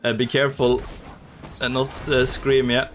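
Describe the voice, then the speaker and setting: A man giving excitable play-by-play commentary on a live esports match. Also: a little slow, a little hiss or hum. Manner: excitable play-by-play, rising pitch on big plays. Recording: game music clearly behind the voice.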